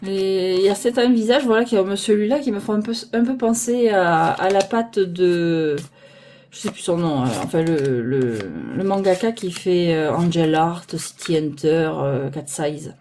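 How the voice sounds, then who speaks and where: A woman's voice: lowish voice, unhurried, dark tone, slight background noise. A woman casually presenting tarot decks, rambling and stopping aloud to search for names, filmed on a phone held by a holder arm. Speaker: tarot deck reviewer.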